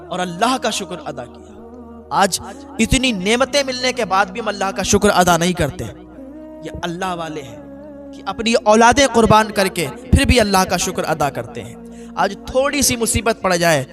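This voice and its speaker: A male preacher in a sermon who tells a religious story dramatically and exhorts his listeners. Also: high-pitched.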